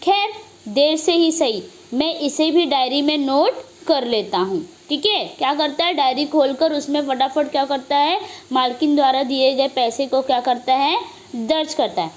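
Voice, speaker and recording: A woman's voice: high voice, moderate pace. A woman teacher explaining a play to students, asking herself questions and answering them, with frequent "okay" fillers. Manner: asks herself questions and answers them, repeats 'okay' often.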